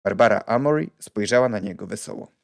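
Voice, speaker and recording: Male audiobook narrator, expressive, lively pitch, gravelly, dry close recording. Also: quick pace, no room sound. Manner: expressive storytelling. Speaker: audiobook reader.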